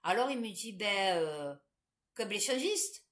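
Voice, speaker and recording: A woman's voice: medium pitch, lively intonation, unhurried, a bit bright. A woman, telling a personal story to the camera in a blunt, crude, chatty way, breaking into laughter often.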